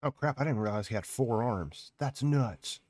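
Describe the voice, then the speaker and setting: A man's voice: mid-range voice, expressive, normal speed, darkish tone, dry recording, studio quality. A man chatting casually on a live stream, rambling and exclaiming to his viewers.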